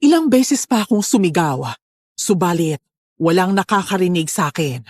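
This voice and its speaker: A woman narrating a first-person horror story in a steady, somber way. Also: on the low side, moderate pace, no room sound, clean studio sound.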